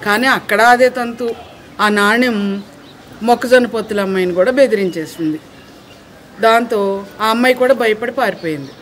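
A woman narrating a children's moral story in a lively, expressive way. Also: on the high side, moderate pace, pauses often, a little hiss or hum.

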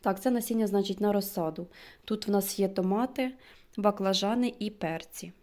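A woman vlogger in casual show-and-tell chat, slowly reading out names and sometimes dropping to a near-whisper. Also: medium pitch, warm tone. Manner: chatty, slow, reads out names one by one; drops to a near-whisper when reading labels. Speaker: gardening vlogger.

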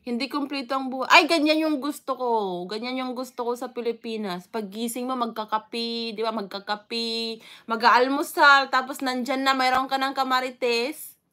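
A chatty Filipino woman hosts a casual live stream, calling out viewers by name between stretches of easygoing talk. Her voice sits high and sounds bright and crisp, and her speech is loose and full of fillers. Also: fairly even intonation, normal speed. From Philippines. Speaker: vlogger greeting live chat viewers.

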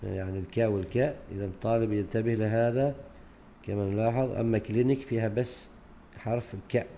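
Mellow-voiced Gulf Arabic male teacher. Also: on the low side, steady tone, fast talker, creaky, a little hiss or hum. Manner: switches between Arabic explanation and English words, many hesitations. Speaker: teacher explaining a grade-four English unit. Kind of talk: recorded lesson walkthrough.

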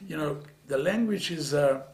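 An older man from Macedonia, a native Macedonian speaker, speaks English with a Macedonian accent in a reflective oral history interview, halting and earnest as he searches for words. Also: on the high side, expressive. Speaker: interviewee, author of dictionaries. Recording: faint hum and background noise.

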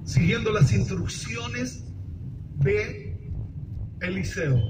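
A man preaching a sermon with a high, clear voice. He exhorts the congregation and reads verses slowly. He is heard from far off in an echoey church, with loud traffic noise behind. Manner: exhorting, has the congregation repeat phrases; reads scripture aloud slowly. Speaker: pastor. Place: church hall.

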